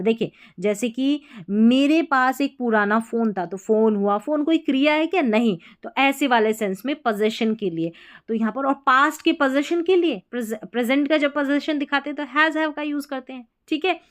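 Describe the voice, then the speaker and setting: A high-pitched woman teaches English grammar patiently, explaining as she goes. She repeats key points and reads example sentences out slowly.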